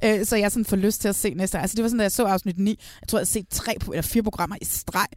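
A woman chatting casually as a podcast guest, lively and acting out quotes in other voices. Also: mid-range voice, no room sound, studio quality. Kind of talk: casual chat.

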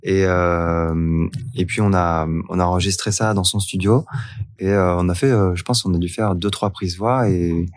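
A man from France, a singer-songwriter guest, talking in a relaxed interview with many fillers and restarts. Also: low voice, moderate pace, no echo, clean studio sound.

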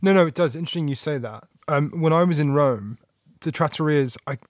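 A man's voice: a little high, fairly quick, dry recording, clean studio sound. A man chats casually as an interviewer, in an informal conversational way.

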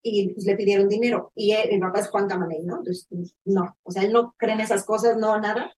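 A woman's voice: mid-range voice, fairly quick, far from the mic, poor audio. A Mexican woman co-hosting a casual podcast chat, telling stories and acting out phone calls in put-on voices. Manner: animated storyteller, acts out phone calls in voices. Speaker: podcast co-host.

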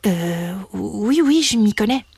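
A woman's voice: very high-pitched, measured pace, a bit bright, no echo, studio quality, pitched above the performer's own voice. A woman voicing a timid young boy dragon who stammers and pleads, in a storybook reading. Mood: hesitant.

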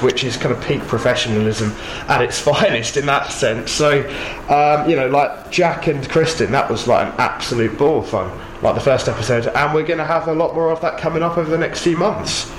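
A man's voice: mid-range voice, a little fast, roomy sound, background noise. A man with an Essex accent hosting a podcast in a casual, chatty style. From Essex, England. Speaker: podcast host. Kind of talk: casual podcast chat and introduction.

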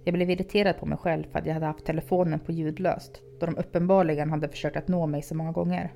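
Dark-voiced female horror narrator. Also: low-pitched, vocal fry, soft background music. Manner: calm, measured reading. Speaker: storyteller. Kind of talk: podcast horror story narration.

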